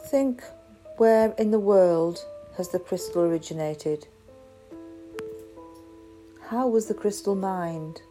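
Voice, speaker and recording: A woman guiding a crystal meditation in a slow, soft, soothing way. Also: medium pitch, soft background music, poor audio. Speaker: meditation guide.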